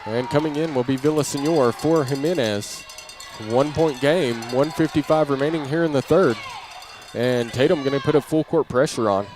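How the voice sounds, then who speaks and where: With a crowd in the background, a man of medium pitch and normal pace calls a basketball game live in radio style. He uses clipped running phrases that rise on big plays, and the indoor gym audio is clearly noisy, with ambience and a bouncing ball.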